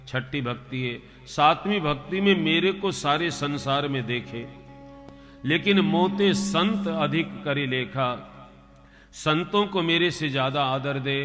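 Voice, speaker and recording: A man's voice: fairly high pitch, a bit bright, long reverb tail. A man telling a devotional story as a preacher in a folksy way, addressing the listeners as brothers and sisters. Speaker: religious storyteller.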